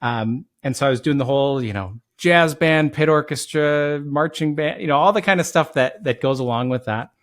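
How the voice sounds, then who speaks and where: A man's voice: on the high side, normal speed, few pauses, fairly bright tone. A man with an Upper Midwest accent from the Fargo area, a podcast guest telling his story in an easygoing way with ums and uhs. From Fargo, North Dakota area. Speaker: podcast guest, software founder. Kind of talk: conversational interview.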